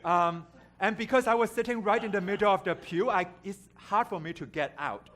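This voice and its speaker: With a high, fairly bright voice at a normal speed, a Hong Kong-raised guest preacher gives a personal storytelling sermon in a church sanctuary. His manner is candid and self-deprecating, touched with light humor.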